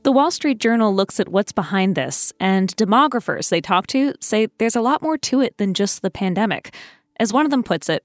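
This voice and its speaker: A woman co-hosting a news podcast, reading scripted news in a clear, measured way and chatting with her co-host. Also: mid-range voice, no echo, clean studio sound. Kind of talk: scripted news narration and banter.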